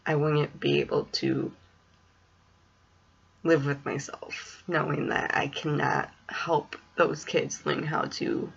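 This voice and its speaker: Speaking slowly in a low-pitched, creaky, husky voice with a steady tone, a twenty-something woman hesitantly rambles through a casual vlog in a small home room. A student teacher in special education, she has a speech impediment and says w for r. Her webcam or computer mic sits at desk distance, and the highs are cut off.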